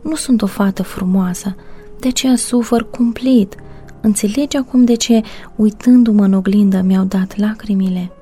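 A woman's voice: mid-range voice, warm tone, slightly rough, faint music behind, close to an everyday voice. A woman voicing a hurt, tearful teenage daughter who complains in a pleading, sobbing way in a spoken story.

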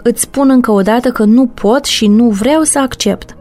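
A cold-hearted, stubborn husband who barks short, insistent refusals, as a woman reading the book puts him on. The voice stays mellow and dark-toned even while it shouts. Faint music plays softly behind this audiobook reading. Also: fairly high pitch. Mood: angry.

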